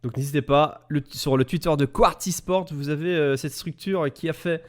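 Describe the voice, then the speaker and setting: A man's voice: fairly high pitch, moderate pace. A Belgian man with a Belgian French accent, casting a live esports match from a home setup into an XLR studio microphone, chatty and joking with his viewers in the chat. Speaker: esports caster. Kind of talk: live game commentary.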